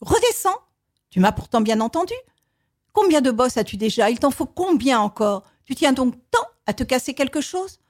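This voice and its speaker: Lady putting on a grumpy elephant bossing himself around, high and loud, storybook voice. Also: lively intonation, a little fast. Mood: scolding. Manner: alternates shrill scolding and muttered defiance. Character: male elephant scolding himself, stubborn and cross.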